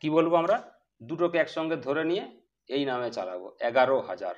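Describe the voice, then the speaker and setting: A man's voice: medium pitch, very animated, fast, muffled recording. A man teaching basic math who keeps asking the class questions and answering them himself. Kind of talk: explaining math to students.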